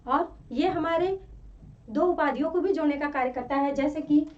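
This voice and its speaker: A woman teacher giving a classroom lesson, explaining slowly and repeating her examples. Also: high voice. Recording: dull, distant-sounding lesson recording.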